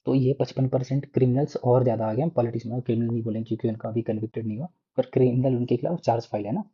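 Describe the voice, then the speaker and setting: In a casual, explanatory style, a man teaches an exam prep lesson, frequently tagging sentences with "na" and restarting words. His voice sits in the mid-range and is slightly rough, with the high frequencies cut off.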